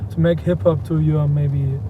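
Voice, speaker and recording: A man whose first language is German, interviewing in English with short prompts and halting questions. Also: fairly high pitch, level tone, phone-quality sound, background noise.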